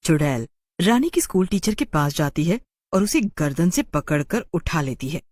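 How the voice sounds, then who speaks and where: A woman narrates a storybook tale expressively, acting out every character. Her pitch swings widely, sitting a little low for a woman. The recording is dry and close. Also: big pitch swings, moderate pace, darkish tone, no room sound.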